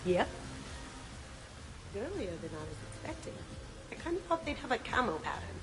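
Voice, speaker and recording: Sly female thief, lively pitch. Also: moderate pace, music in the background, low-quality recording. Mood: mischievous. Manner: playful, unabashed. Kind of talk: video game dialogue.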